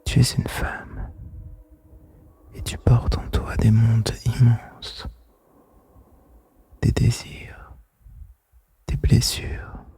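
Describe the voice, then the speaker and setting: The host of a whispered relaxation podcast delivers an ASMR guided relaxation monologue in a soft, intimate, soothing whisper that is breathy and mostly unvoiced. His medium-pitched delivery is completely flat and extremely slow with long pauses, captured on a close microphone made for headphones.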